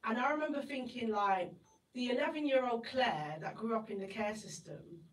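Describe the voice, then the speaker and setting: Her voice sits on the high side with lively intonation and a moderate pace as this Igbo-speaking woman in her 30s tells stories in an animated interview at a festival. She's chatty, laughs a lot and voices her own inner thoughts, recorded from a distant mic in an echoey indoor venue.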